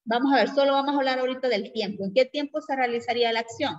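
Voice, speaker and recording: A woman teacher giving a grammar lesson who explains patiently and keeps checking in with her class through quick tag questions. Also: high-pitched. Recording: dull lo-fi recording.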